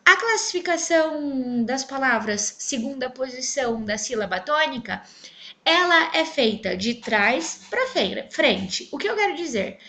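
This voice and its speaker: A woman teaching a grammar lesson, speaking clearly and stretching out syllables to show the stressed one. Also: high voice, big pitch swings, unhurried, sharp tone. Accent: Brazilian Portuguese. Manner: clear, emphatic, stretches syllables when spelling out words.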